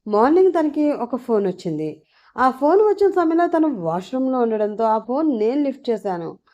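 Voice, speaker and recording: A woman's voice: very animated, moderate pace, mellow. A woman voicing a flustered young woman who grumbles in her head and scrambles for excuses, in an audiobook story. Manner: exasperated inner monologue, higher voice. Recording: dull lo-fi recording.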